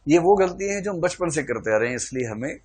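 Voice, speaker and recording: A man's voice: a little high, expressive, fairly quick, a little mellow. A man teaching a classroom lecture, quizzing his students, calling for shows of hands and teasing them playfully.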